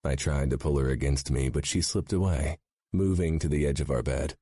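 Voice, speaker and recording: A man narrating a romance audiobook in the first person, with a low, even, intimate delivery. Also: moderate pace, breathy edge, no echo, clean studio sound.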